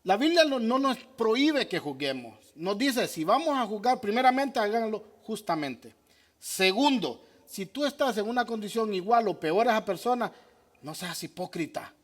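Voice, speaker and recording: This pastor's voice sits high, very animated at a normal speed. During a sermon with audience questions, he answers the congregation emphatically, often asking and then resolving his own questions.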